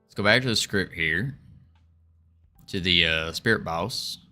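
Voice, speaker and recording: A man's voice: deep voice, a little slow, faint music behind. A man streaming his game development, chatting casually with viewers and thinking aloud as he works. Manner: relaxed, chatty, greets viewers, muses while working.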